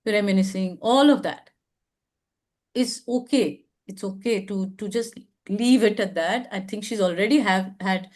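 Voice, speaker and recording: This woman hosts an advice chat over a video call, and her mid-range voice has a somewhat dark tone and an unhurried pace. She sounds reflective and affirming, frequently starting her sentences over.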